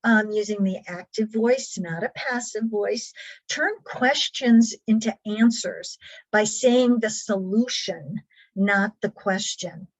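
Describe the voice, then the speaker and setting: A woman's voice: medium pitch, takes it slowly, low-quality recording. A woman presenting a caregiver training workshop, talking patiently and earnestly with frequent ums and restarts.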